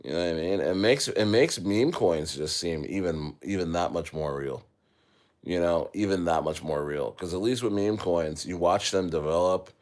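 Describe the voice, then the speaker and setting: Male livestream host, slightly low voice, loose rambling chat, lots of "you know what I mean". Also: moderate pace, darkish tone. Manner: rambling, full of fillers, talks to viewers.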